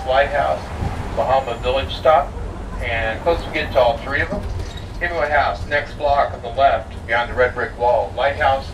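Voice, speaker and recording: Rambling male tour guide, distant. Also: medium pitch. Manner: rambling, with frequent uhs and light jokes. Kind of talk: narrated sightseeing tour. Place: open-air tour train outdoors. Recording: distant voice over vehicle and street noise.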